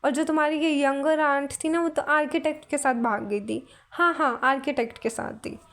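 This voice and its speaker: A woman voicing a quick-tempered older male landowner who scolds and blusters. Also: high-pitched, steady tone, fairly bright tone. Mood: blustering.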